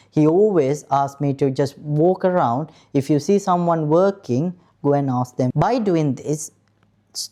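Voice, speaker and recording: A Sri Lankan man in his thirties, an aeronautical engineer, tells his own story to camera, speaking earnestly and frankly straight to the viewer. His voice is on the high side and warm.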